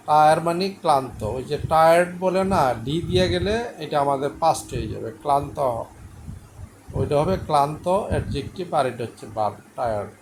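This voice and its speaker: A man with a slightly high voice teaches English pronunciation in a patient lesson. He spells out each letter and sound slowly and repeats every word. A faint hiss of noise sits under the recording. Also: gravelly.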